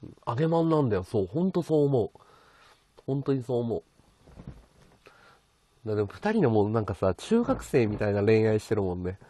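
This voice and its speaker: A man's voice: fairly low pitch, sing-song, brisk, pauses often, warm tone, slight background noise. A man hosting a casual livestream from his bedroom, chatting and thanking his viewers as he reads their comments. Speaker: livestream host. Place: bedroom at home.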